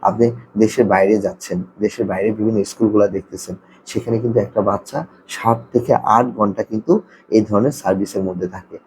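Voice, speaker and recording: A man who works as an occupational therapist explains a topic to parents, repeating his points, frequently checking in with listeners, and slowly sounding out letters. His voice is fairly low and darkish, and the recording quality is poor.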